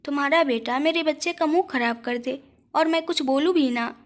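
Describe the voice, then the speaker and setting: A sharp-tongued, furious mother from an audio storybook, as a woman reader puts her on. She scolds in a high, cutting voice. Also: normal speed, lightly acted. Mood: angry. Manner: scolding, loud. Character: angry, sharp-tongued mother of another boy.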